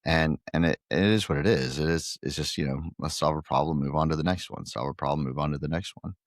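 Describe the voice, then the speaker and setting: A pickleball facility owner from Guatemala, middle-aged, appears as a podcast guest in a casual interview, speaking earnestly with many fillers and restarts. His low, rumbling voice moves fast, captured in studio quality with no echo.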